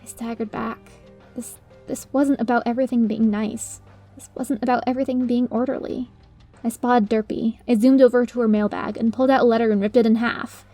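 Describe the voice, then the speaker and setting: A woman's voice: a little high, steady tone, fairly quick, dark tone. A woman reading a first-person story as its narrator, in a dramatic storytelling style. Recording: music under the voice.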